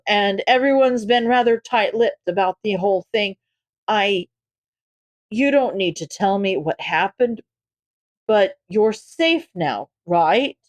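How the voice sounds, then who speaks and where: A woman reading aloud and voicing a big, kind older male hero who gently speaks as a fatherly mentor. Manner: gentle, low and protective.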